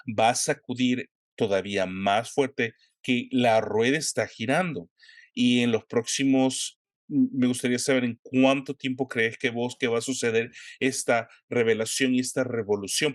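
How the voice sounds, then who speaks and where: A man hosting a conversation, asking questions and pausing to search for words. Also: mid-range voice, dry recording, clean studio sound. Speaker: host. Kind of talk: interview questions.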